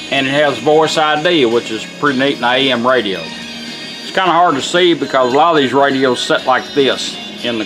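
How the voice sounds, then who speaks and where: In this poorly recorded clip, a man with a mid-range voice shows off a product. He restores car radios and explains each step casually and informally.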